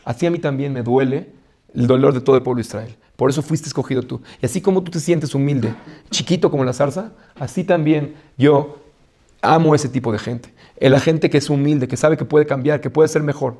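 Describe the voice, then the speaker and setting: A rabbi giving a Torah lesson, asking rhetorical questions, restarting phrases and weaving in Hebrew terms. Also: male voice, medium pitch, a little fast, warm tone.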